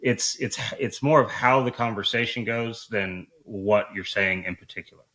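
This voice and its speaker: A man's voice: fairly low pitch, moderate pace, bright, forceful tone, poor audio. A man giving conversational instruction as a coach, explaining things in an informal, colloquial way. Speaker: duck calling coach.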